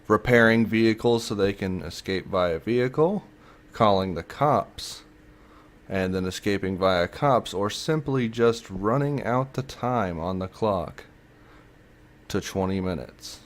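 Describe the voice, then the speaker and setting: In a casual commentary vlog about a video game, a man rants bluntly and swears freely, stumbling through many fillers and restarts. His voice is lowish and unhurried.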